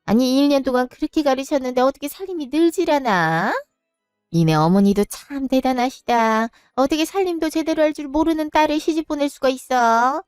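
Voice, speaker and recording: A woman's voice: sits high, a little fast, no room sound, clean studio sound, faint music behind, close to an everyday voice. Woman doing a nagging, scornful mother-in-law. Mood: scolding. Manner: scolding, sharp and drawn out. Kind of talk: storybook voice acting.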